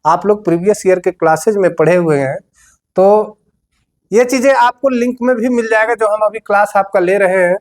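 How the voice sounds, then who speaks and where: A man with a high voice teaches a grammar lesson for exam students. He explains patiently and repeats key words. He speaks straight to his class. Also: normal speed.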